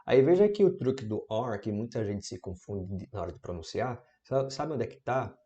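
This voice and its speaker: A Brazilian man giving a casual spoken English lesson, encouraging and informal, who drills sounds by repeating them slowly. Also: medium pitch, animated, dark tone, lo-fi sound. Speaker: English teacher.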